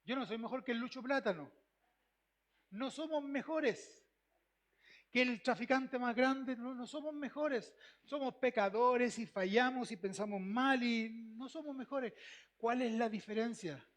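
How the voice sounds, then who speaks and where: Un pastor con acento chileno que predica con énfasis, repitiendo frases y haciendo preguntas a la congregación. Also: male voice, very high-pitched, measured pace, a bit bright. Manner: emphatic, repeats phrases, asks the congregation questions. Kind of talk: sermon.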